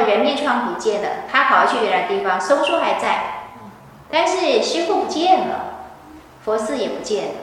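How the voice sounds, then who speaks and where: A woman's voice: on the high side, a bit bright, a little hiss or hum. A woman giving a scripture lecture, telling the story animatedly. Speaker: religious teacher. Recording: echoey hall from far off.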